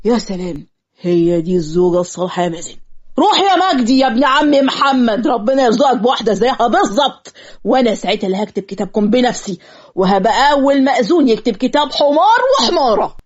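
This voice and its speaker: A woman's voice: on the high side, lively intonation. A woman with an Egyptian accent voicing a clumsy, teasing young male marriage officiant in a cartoon story. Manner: teasing, quick comic retorts. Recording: lo-fi muffled audio.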